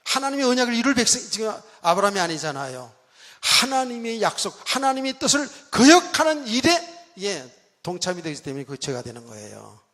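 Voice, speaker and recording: A middle-aged male pastor preaching a dramatic sermon in a church, questioning the congregation and swinging between loud and soft. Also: sits high, big pitch swings, fairly quick. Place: church sanctuary. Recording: long church hall reverb.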